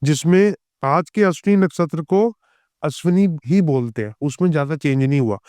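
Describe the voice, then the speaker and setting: A man, a guest on a podcast interview, who reads scripture verses slowly and then explains them in a conversational way. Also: a little high, dark tone, dry recording. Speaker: astrologer guest.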